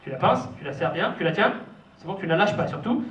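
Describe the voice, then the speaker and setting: A man performs as a kids' party magician in a high voice. He is theatrical and playful, teasing and coaxing young helpers and parents. The recording is distant and echoey, with clear audience noise in the hall. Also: lively intonation, quick pace, a bit bright. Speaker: stage magician hosting a children's magic show. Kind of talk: live kids' party magician patter to children and families. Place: show venue with a stage and live audience.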